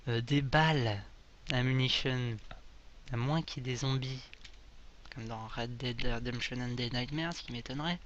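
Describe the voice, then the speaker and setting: This is casual let's play commentary from a young man who creates gaming videos. He jokes around and reads the English on-screen text aloud while playing. His medium-pitched voice has a fairly bright tone and a moderate pace, though the recording is muffled with a little hiss or hum.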